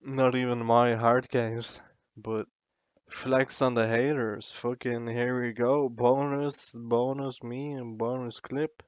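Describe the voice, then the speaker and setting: A man's voice: mid-range voice, little pitch movement, slow, no echo, dull audio. A drunk man in a casual, sweary, meandering and self-deprecating ramble to the camera, as a vlogger does.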